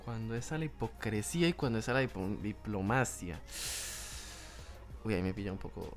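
A man's voice: fairly low pitch, expressive, fairly quick, faint music behind. A young man, a podcast guest, chatting casually and hesitantly, with lots of fillers. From Colombia, Bucaramanga. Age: young adult. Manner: hesitant, many fillers, laughs easily. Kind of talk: casual chat.

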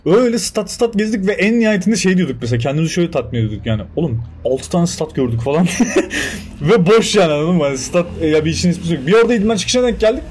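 A man's voice: a little high, animated, rapid-fire, a little mellow, slight background noise. A young man chatting casually as a podcast co-host, swearing freely and acting out the voices in his stories. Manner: swearing, acts out quoted voices. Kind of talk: casual chat, storytelling.

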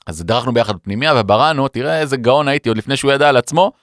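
A man telling an animated personal story in a casual conversation, acting out the voices of people in it. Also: mid-range voice, no room sound, clean studio sound. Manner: animated, acts out voices in his anecdotes. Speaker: educator and podcast guest.

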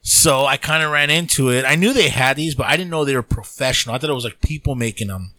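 Male podcast co-host, bright tone, dry close sound, loose swearing chat. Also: medium pitch, fast, dry recording. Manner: loose, swearing, animated storytelling. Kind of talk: casual chat.

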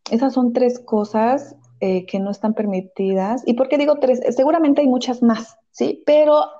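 A woman's voice: fairly high pitch, steady tone, normal speed, dark tone. A woman, a parenting professional and mother, explaining patiently and often checking in with "¿sí?". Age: adult, parent of a young child. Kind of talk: conversational advice talk. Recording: slightly dull lo-fi audio.

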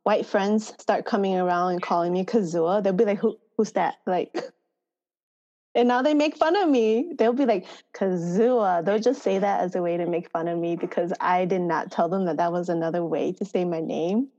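A woman born in Thailand, a farmer education manager, telling her story in a relaxed interview and laughing often. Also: on the low side, moderate pace. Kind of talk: casual interview conversation. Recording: slightly dull lo-fi sound.

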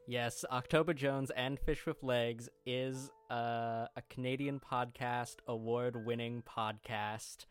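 Man, tired late-night player, smooth slow deadpan voice. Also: medium pitch. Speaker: podcast player.

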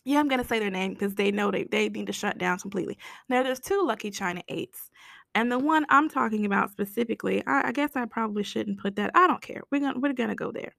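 An American woman hosting a casual solo podcast rant, hoarse with her voice nearly gone, raspy and whispery, speaking bluntly. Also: mid-range voice, fast talker, a bit bright, no room sound, clean studio sound. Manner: blunt, complaining, mildly sweary. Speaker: podcast host.

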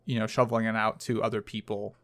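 A man's voice: fairly low pitch, little pitch movement, fast talker, fairly bright tone, dry recording. A man in a casual academic discussion, talking thoughtfully and analytically with some hedging.

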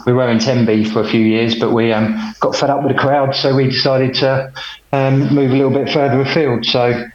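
Calling in remotely from home, an English podcast guest in middle age tells his life story in casual conversation. His mid-range voice moves little in pitch, unhurried, plain, and self-deprecating, coming through a roomy space on dull, muffled call audio.

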